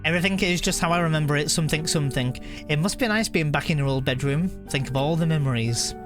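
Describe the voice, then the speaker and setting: Live streaming a game, a man speaks casually in a voice on the high side, while music plays in the background. When he reads the on-screen text out loud, he halts and keeps fixing his mistakes.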